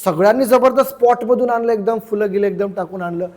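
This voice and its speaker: A man teaching English through a story, explaining each word slowly and repeating its meaning, chatty and checking in with his listeners. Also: high voice, darkish tone, in a large hall. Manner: chatty, checks in with "ठीक आहे".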